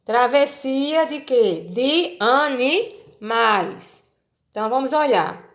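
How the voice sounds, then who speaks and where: A woman teacher with a Brazilian Portuguese accent, patiently explaining a children's worksheet and sounding out syllables slowly. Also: high-pitched, expressive.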